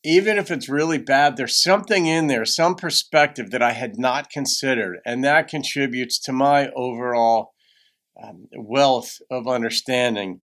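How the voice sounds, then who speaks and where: A man's voice: medium pitch, moderate pace, a bit bright. A man hosting a reaction video with conversational commentary in a thoughtful, musing manner.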